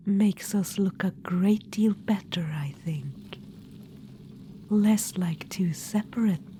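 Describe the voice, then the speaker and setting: A woman whispers softly as an ancient undead witch-queen in ASMR roleplay, coaxing, a little condescending, and calling the listener darling. Her pitch is fairly low, and there's slight background noise.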